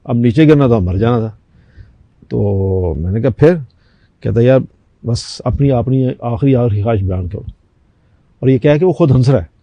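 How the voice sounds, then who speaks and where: A man's voice: mid-range voice, pauses often, dry recording, lo-fi sound. An older man from Pakistan, a talk show guest, telling a personal anecdote and acting out the people in it. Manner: animated anecdote telling with quoted voices.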